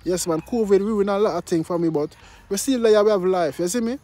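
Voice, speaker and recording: High-voiced man chatting in patois. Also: fairly quick. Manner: Jamaican-style patois phrasing, sings along. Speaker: song reviewer and vlogger. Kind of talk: casual song review chat. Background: music playing.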